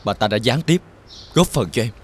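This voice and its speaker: A man's voice: mid-range voice, expressive, normal speed, breathy edge. A young man acting as a bitter brother who talks in a cold, resentful tone in a TV drama.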